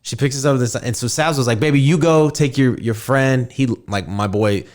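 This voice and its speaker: Speaking at a normal speed in a medium-pitched voice, a podcast host in his thirties chats casually through a story. He's an animated storyteller who plays each character by raising his voice for their quotes.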